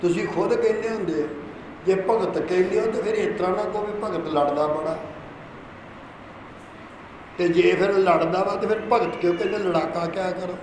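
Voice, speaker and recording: A man's voice: high-pitched, steady tone, normal speed, long pauses, darkish tone. A man with a Punjabi accent preaching a Sunday sermon, leading the congregation in call-and-response and urging them to repeat his words aloud. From Punjab, India. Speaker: pastor. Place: church hall. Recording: echoey hall with long reverb and noise.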